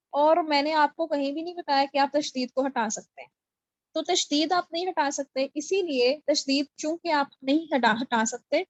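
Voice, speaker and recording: A woman's voice: sits high, no echo. A woman teaching Quran recitation in an online class, explaining patiently and checking her students follow. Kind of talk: online tajweed lesson. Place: home, on a video call. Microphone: video call mic.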